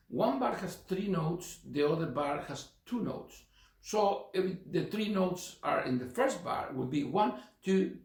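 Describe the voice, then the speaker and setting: The relaxed percussion lesson continues with his voice sounding a little high, gravelly, pushed, and bright. This middle-aged Chilean with a Chilean Spanish accent counts beats out loud and uses plenty of fillers, recorded in an echoey room with faint noise.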